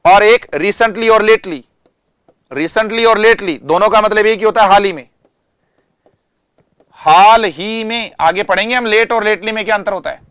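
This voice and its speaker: A male English teacher with a fairly high, crisp and resonant voice, recorded close and dry with no room sound. He explains word meanings in Hindi, slows right down to stress each English example sentence, and keeps asking his students questions before answering them himself. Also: a bit bright, no room sound. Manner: addresses students directly, asks and answers himself. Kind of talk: online classroom lecture.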